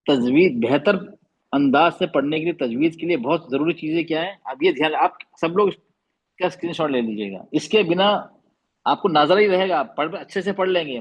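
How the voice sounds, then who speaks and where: A man's voice: on the high side, slightly rough, dull audio. A man teaching Quran recitation over a video call, explaining patiently, repeating terms and demonstrating the sounds. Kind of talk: online class lesson.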